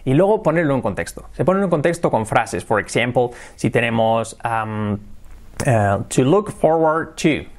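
Man, casual video teacher, middle pitch, repeats English lines slowly. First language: Spanish. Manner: explains, then repeats English phrases slowly.

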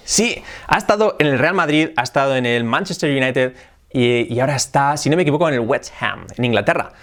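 A man with an accent from Spain gives a casual video lesson, hopping between Spanish and English. He talks in a lively way, repeats himself and ends phrases with "¿ok?". His voice sits at an ordinary middle pitch. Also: fast. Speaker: English teacher.

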